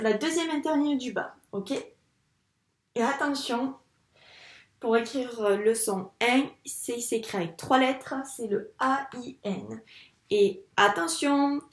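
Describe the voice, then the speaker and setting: Woman teacher for small children, higher voice, patient and encouraging, recorded in a roomy echo. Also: slow. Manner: patient, encouraging, spells out each step. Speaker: primary school teacher. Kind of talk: lesson for young children. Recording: echoey room.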